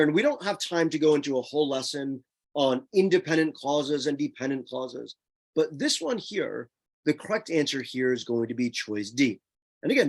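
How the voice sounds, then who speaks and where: Animated husky-voiced male tutor. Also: mid-range voice. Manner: emphatic, repeats points, addresses students directly. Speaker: test prep tutor. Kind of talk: screen-share lesson.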